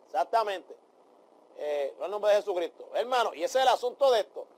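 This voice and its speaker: A man's voice: sits high, expressive, fairly quick. A man teaching a Bible study, fervent and peppering his talk with amén and aleluya as he addresses his brothers. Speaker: preacher.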